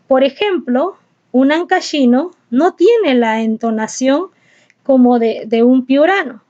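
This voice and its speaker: A high-pitched woman teaches a class. She explains step by step, posing questions and answering them herself. The recording sounds dull and lo-fi. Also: darkish tone. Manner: explanatory, asks and answers her own questions.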